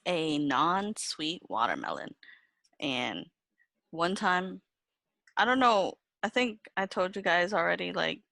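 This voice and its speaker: A woman's voice: fairly low pitch, takes it slowly, creaky, no echo. A woman co-hosting a podcast, chatting casually and laughing often as she tells stories. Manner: laughs often, animated storytelling. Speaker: podcast co-host. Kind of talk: casual chat.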